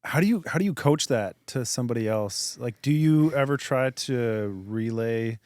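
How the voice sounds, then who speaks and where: Relaxed man hosting, dry sound. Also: medium pitch, normal speed, no room sound. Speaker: podcast host. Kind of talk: casual podcast conversation.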